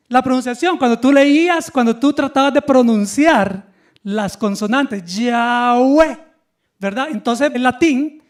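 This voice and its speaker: A male pastor preaching a Sunday sermon in a lively teaching manner, putting questions to the congregation. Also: extremely high pitch.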